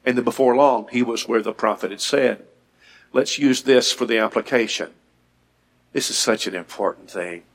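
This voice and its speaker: A man preaching a Bible lesson, reading scripture aloud and getting louder and higher when he stresses a point. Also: normal speed. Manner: reads scripture aloud, rises in pitch and volume for emphasis.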